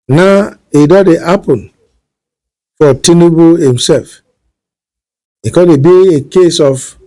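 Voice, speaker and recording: Nigerian Pidgin news presenter, unhurried man, higher voice. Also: dark tone, dry recording, poor audio.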